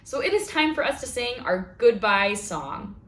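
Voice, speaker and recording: A woman with a fairly high, lively voice reads aloud at a moderate pace, hosting storytime for small children in an exaggerated, sing-song style. She's a children's librarian, and the room she's in is echoey.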